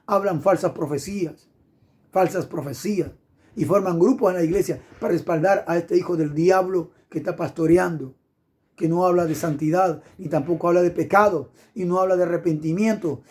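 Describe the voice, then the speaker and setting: A man's voice: high voice, a little mellow. A middle-aged man preaching an impassioned sermon, fervent and repetitive, punctuated with hallelujahs.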